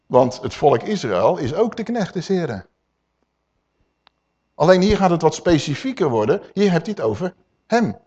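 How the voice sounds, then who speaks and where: A man preaching a sermon, emphatic and swinging between loud and hushed, calling his listeners dear people. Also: a little high, big pitch swings, normal speed, pauses often, husky, highs cut off.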